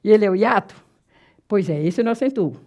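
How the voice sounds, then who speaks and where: A woman from Brazil teaching a Portuguese grammar lesson for exam prep, repeating and drawing out key words slowly and asking herself rhetorical questions. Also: mid-range voice, expressive, mellow.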